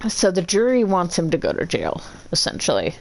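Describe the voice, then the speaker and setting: A woman giving casual commentary while playing a game, with relaxed, self-deprecating asides. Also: fairly low pitch, fairly quick, creaky. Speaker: gamer streaming a playthrough.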